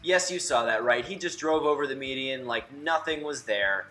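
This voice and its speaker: Young man, bright voice, wry, muffled camera mic, inside a car. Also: mid-range voice, moderate pace, soft background music. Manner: chatty, wry and sarcastic. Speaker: vlogger. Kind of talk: casual driving vlog narration. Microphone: camera mic from a distance, muffled.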